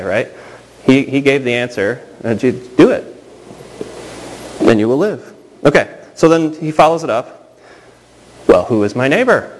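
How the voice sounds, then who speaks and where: A man preaching a sermon in a conversational, halting way, often restarting his sentences and adding asides. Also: mid-range voice, darkish tone, rough recording. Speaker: pastor.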